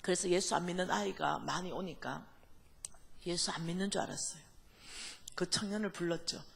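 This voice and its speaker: A man's voice: high voice, brisk, gravelly, fairly bright tone, husky. A man preaching a revival sermon as pastor, questioning the congregation and dropping to a whisper to press a point home. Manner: acts out quoted voices, drops to whispers for emphasis; talks straight to the congregation with questions.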